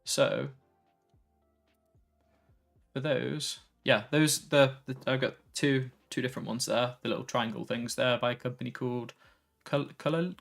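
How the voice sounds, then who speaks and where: A man talking through a relaxed evening tech livestream, his voice slightly gravelly and worn from a long day. He wanders from topic to topic and reads out viewer messages. Faint music plays quietly underneath. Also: medium pitch, measured pace, pauses often. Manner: relaxed, tired, easily sidetracked, reads chat aloud. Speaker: tech streamer. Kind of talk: casual live stream chat.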